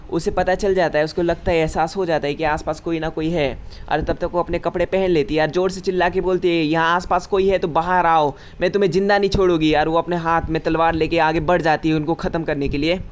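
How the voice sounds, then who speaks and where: A man's voice: on the high side, fairly even intonation, brisk, a little hiss or hum. A man narrating a story recap in a casual, chatty, conversational way.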